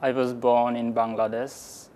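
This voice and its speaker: Flat-voiced man speaking slowly. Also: medium pitch. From Sri Lanka. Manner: slow, deliberate, with pauses. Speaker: Buddhist monk and student. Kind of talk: interview answer.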